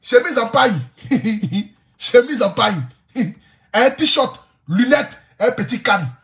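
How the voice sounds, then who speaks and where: A man's voice: extremely high pitch, sing-song, slow pace, fairly bright tone, echoey room. A man telling a comic vlog story, boisterous, laughing often and repeating his phrases. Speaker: social media influencer. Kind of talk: casual comic vlog monologue.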